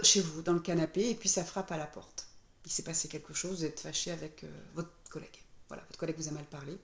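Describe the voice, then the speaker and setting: A woman's voice: on the low side, darkish tone. A woman who works as a spiritual medium and therapist, explaining things to viewers in a chatty, informal way with frequent fillers. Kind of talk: casual explanatory talk to viewers. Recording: roomy echo.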